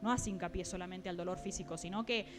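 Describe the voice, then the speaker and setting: A woman preaching a sermon, often pausing with fillers and checking in with her listeners. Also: on the low side, fairly even intonation, music in the background. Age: adult, mother.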